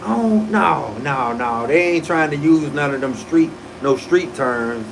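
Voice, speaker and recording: A man in his forties rambling through a casual livestream, his voice sitting a little high for a man. He talks in loose, profane slang, often restarting his sentences mid-thought. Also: animated, a little slow, vocal fry, background noise. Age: 40s. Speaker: livestream host.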